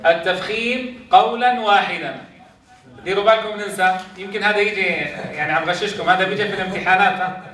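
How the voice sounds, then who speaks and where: A man's voice: high-pitched, quick pace, pushed and bright. A man, teaching a class on recitation rules and quizzing his students. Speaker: Quran teacher. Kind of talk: classroom lesson on tajweed rules. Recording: echoey classroom, voice from far off.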